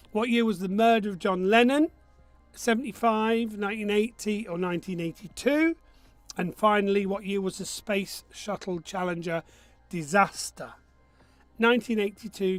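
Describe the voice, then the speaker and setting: A high-pitched man hosts a casual quiz, reading out questions and answers. He has a missing front tooth and a joking, self-deprecating manner. The sound is close and dry. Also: no room sound. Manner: jokey, self-mocking. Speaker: quiz host.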